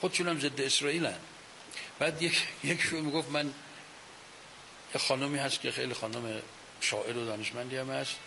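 A man giving a religious lecture to an audience on a microphone, arguing his points through many rhetorical questions. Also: mid-range voice. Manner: animated, argumentative, asks rhetorical questions. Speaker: cleric lecturer. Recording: faint hiss.

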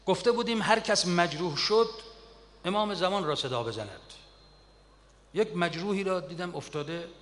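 A man's voice: sits high, lively intonation, a bit bright. A man telling wartime stories in an earnest sermon style, his voice swelling with emotion, recorded in a reverberant hall.

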